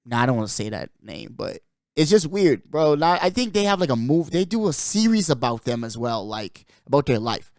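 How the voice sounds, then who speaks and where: A man's voice: fairly high pitch, big pitch swings, brisk, a little mellow, no room sound, clean studio sound. A young man from the Bahamas hosting his podcast, talking in a rambling, emphatic way and peppering his talk with "bro" and "like". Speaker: podcast host. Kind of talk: casual chat.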